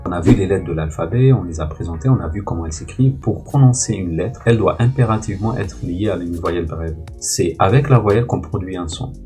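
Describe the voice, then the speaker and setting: A man teaches in a low, steady voice, patient and explanatory. He slows down to repeat each sound for his learners. Soft music plays faintly behind him. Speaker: Arabic teacher. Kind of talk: step-by-step lesson narration.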